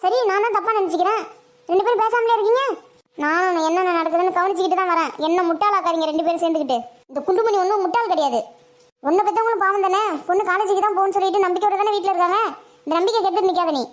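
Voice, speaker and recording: A performer voicing a fierce, quick-tempered village mother in a cartoon, talking in a sharp, scolding, indignant way. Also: very high voice. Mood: angry. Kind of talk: cartoon voice acting.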